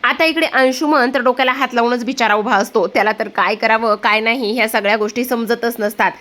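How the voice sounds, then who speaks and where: A high-pitched woman with a Marathi accent recaps a TV serial episode. She strings the events together with repeated connecting phrases, like a storyteller. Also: steady tone, a little fast, fairly bright tone. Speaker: serial reviewer.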